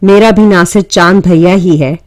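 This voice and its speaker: A woman's voice: on the low side, darkish tone, no echo, clean studio sound, lightly acted. A woman reading a novel aloud, voicing a proud, affectionate middle-aged mother who scolds and insists firmly.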